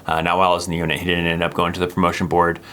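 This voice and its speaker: A man's voice: deep voice, racing. A man hosting his channel, casually talking over a recorded clip and laughing along as he explains it. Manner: relaxed, rambling, laughs along. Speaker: channel host and former army sergeant.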